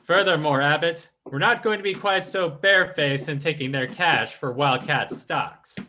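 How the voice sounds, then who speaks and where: In an old-time radio drama, an actor voices a sly, imperious crime boss who poses as a psychic, delivering lines in a pompous, formal, commanding manner with a stern, domineering mood. The male voice sits a little high and moves at a moderate pace, lightly acted over a noisy background.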